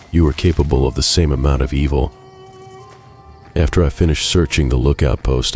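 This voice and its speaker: A man narrating a game playthrough as a first-person story in a measured, even way. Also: very deep voice.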